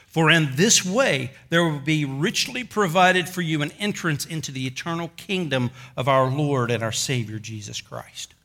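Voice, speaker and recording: A pastor preaching a sermon in a conversational storytelling way, with light self-mocking humor and slow emphasis on key words. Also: male voice, on the high side, animated, vocal fry, fairly bright tone.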